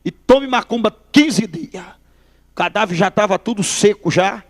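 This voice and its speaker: Brief: high-voiced male preacher, storytelling testimony, long hall reverb. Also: measured pace. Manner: animated storyteller addressing listeners as brother. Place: church hall.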